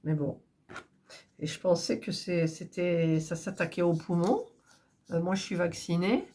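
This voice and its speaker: A woman's voice: on the low side, measured pace, mellow. A woman with a stuffy nose, chatting in a rambling, casual way while preparing embroidery threads. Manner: chatty, rambling, with frequent fillers and restarts. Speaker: cross-stitch crafter vlogger.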